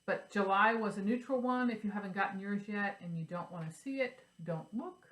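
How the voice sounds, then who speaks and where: A woman's voice: mid-range voice, brisk, fairly bright tone. Middle-aged lady chatting about her stitching at home, rambly, mic a bit far off in an echoey room. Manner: chatty, repeats herself, trails off. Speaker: cross-stitch vlogger. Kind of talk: casual show-and-tell chat. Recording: roomy sound from a distance.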